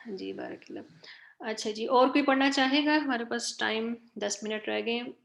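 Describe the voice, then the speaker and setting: A woman's voice: a little high, fairly even intonation, gravelly, fairly bright tone. A woman teaching a Quran recitation class online, patiently correcting a student's pronunciation and repeating words.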